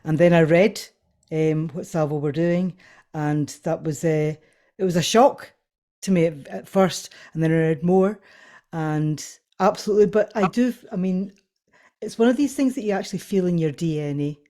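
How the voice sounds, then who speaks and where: A woman with a mellow, dark-toned voice speaks as a panel guest. She is earnest and personal, pausing as she goes. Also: fairly low pitch. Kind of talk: personal interview talk.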